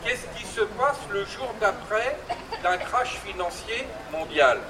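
A man's voice: high-pitched, animated, slow. A man giving an emphatic, rhetorical speech at an outdoor gathering, building his points in repeated phrases. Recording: distant, noisy outdoor recording.

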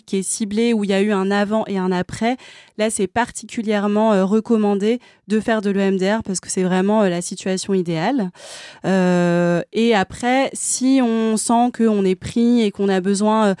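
A woman therapist explains therapy approaches at a measured pace, pausing often on hesitations. Her voice is warm and mellow, recorded close to the mic with a dry sound. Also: medium pitch, steady tone, clear, resonant tone, no echo. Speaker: therapist guest. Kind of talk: explanatory discussion.

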